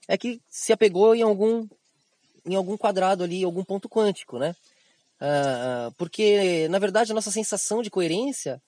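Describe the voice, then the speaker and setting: A teacher with a Brazilian Portuguese accent delivers an esoteric spiritual monologue, animated and slangy, acting out other people's words in raised voices. His voice sits high, and there's no echo.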